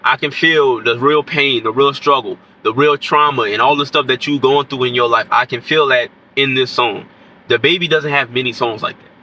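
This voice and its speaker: This independent rapper, clearly ill with a blocked nose and scratchy throat, gives unscripted hip-hop commentary to camera. His nasal, congested voice is mid-range, moderately paced, pushed and bright, and he rambles, repeatedly saying "you know what I'm saying."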